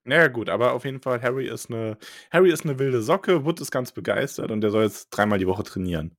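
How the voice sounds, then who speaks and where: Man, co-host, casual book chat, middle pitch, relaxed retelling, dry recording. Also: dry recording. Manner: relaxed, retells scenes in quick asides.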